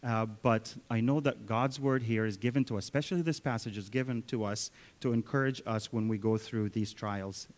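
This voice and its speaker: In a church hall with long reverb, a man with a mid-range, darkish voice preaches a sermon as a story, frequently turning to address the children.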